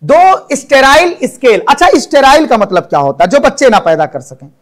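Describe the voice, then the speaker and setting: A man's voice: extremely high pitch, sing-song, brisk. Male teacher who lectures with lots of coaxing questions. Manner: coaxing, asks students constant questions. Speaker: biology teacher. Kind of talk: classroom lecture.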